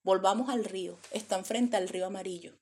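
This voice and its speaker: A woman's voice: medium pitch, brisk, darkish tone. A woman preaching a sermon, telling stories dramatically and acting out the voices. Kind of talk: sermon storytelling.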